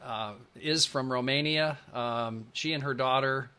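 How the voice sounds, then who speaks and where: A man's voice: medium pitch, unhurried, sharp tone, clear, resonant tone. A man hosting a live online presentation on a video call, chatty and enthusiastic, rambling with fillers. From Pacific Northwest United States. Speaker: webinar host.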